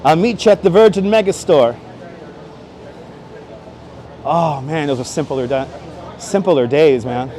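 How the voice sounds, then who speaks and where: This man's voice is a little high and warm, with a measured pace and long pauses. He's a livestream host exploring busy Manhattan streets outdoors, casually chatting with viewers and exclaiming playfully, picked up on a wireless clip-on microphone amid street noise.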